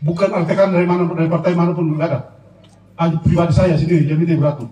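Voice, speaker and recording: A middle-aged man with an Eastern Indonesian Sumba accent gives a halting, emotional personal account as a husband, full of repetitions and murmured fillers. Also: a little high, steady tone, dark tone. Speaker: husband giving a public clarification. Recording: distant, echoey room with faint noise.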